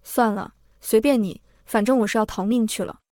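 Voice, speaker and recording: A woman's voice: on the high side, steady tone, normal speed, mellow, no echo, clean studio sound, natural voice. A woman voicing an anxious, blunt middle-aged servant woman who scolds and frets in a story reading. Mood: agitated. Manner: agitated, scolding.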